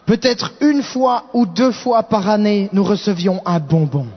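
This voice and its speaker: A man's voice: high-pitched, animated, unhurried, faint music behind. A man interpreting a sermon live, echoing the preacher's rising intensity with small restarts. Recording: echoey hall, dull sound.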